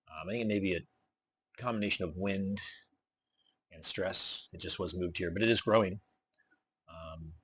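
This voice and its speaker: Low husky-voiced man narrating a hobby vlog. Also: a bit bright. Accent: regional accent. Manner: deliberate, slow, filler-heavy explaining while pruning. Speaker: bonsai hobbyist vlogger.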